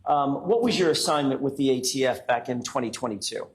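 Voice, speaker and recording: Fast-talking male lawyer, courtroom recording. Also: mid-range voice, lively intonation. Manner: pressing, rapid-fire questioning. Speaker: defense attorney. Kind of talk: courtroom cross-examination. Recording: echoey courtroom audio, faint noise.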